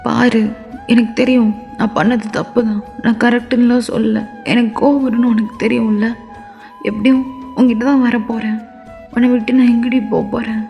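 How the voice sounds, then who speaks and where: A woman's voice: fairly high pitch, little pitch movement, normal speed, gravelly, mellow, soft background music. A woman voicing a remorseful, hot-tempered young husband who begs his wife tearfully in a fan-made audio story. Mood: pleading. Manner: tearful begging.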